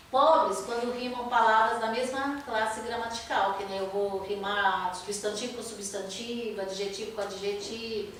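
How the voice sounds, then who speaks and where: A woman's voice: medium pitch, a little hiss or hum. Woman, poetry workshop teacher, explanatory lecture, very echoey room, distant mic. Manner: explanatory, checks in with frequent rhetorical "né?". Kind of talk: classroom lecture on verse and rhyme. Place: workshop classroom.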